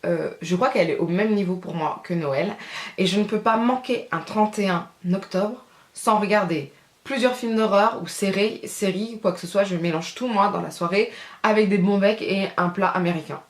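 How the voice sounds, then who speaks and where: A woman's voice: medium pitch, normal speed. A woman in her thirties, a beauty vlogger, chatting casually to camera in a slangy way with lots of hesitant fillers. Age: 30s. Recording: echoey room.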